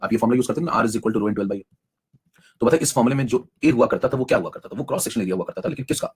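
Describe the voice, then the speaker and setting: A young adult man teaching chemistry in a live online class, coaxing students along and saving his voice by speaking softly. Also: medium pitch, a little hiss or hum. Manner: rapid, coaxing, mixes in English technical terms.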